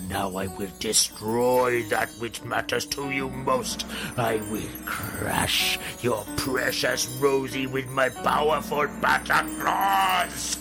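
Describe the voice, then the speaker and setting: A man voicing a grumpy, vengeful male badger villain who talks in slow threats. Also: mid-range voice, creaky.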